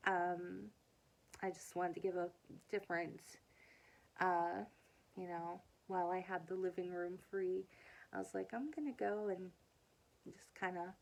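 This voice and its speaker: A woman with a slightly low voice rambles in a casual vlog. She talks loosely, with plenty of fillers and small laughs. She is recorded on a handheld phone in her living room. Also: a little mellow, poor audio. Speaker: vlogger.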